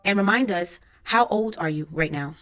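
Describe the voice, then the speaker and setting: A woman reads as a trial lawyer working through careful, formal questions. Her pitch stays in the middle range, with a level transcript-reading delivery over faint background music. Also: normal speed, a bit bright, natural voice. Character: courtroom lawyer questioning a witness. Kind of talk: transcript read-aloud.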